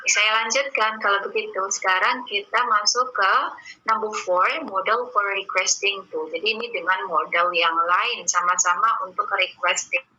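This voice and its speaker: A woman teaching an online English class, slowly reading out examples and patiently explaining them. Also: mid-range voice, fairly even intonation, sharp tone, highs cut off, a little hiss or hum. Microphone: video call or computer mic.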